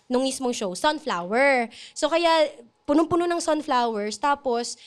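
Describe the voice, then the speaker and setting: A high-pitched woman chats casually and tells her story with lots of animation. She laughs often between lines. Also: expressive, a little slow. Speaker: guest telling her proposal story. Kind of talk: casual chat.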